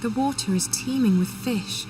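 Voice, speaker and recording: A woman's voice: on the high side, moderate pace, noisy background, lightly acted. An actress playing a curious, earnest young woman adventurer in a video game, with natural, inquisitive delivery. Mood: admiring.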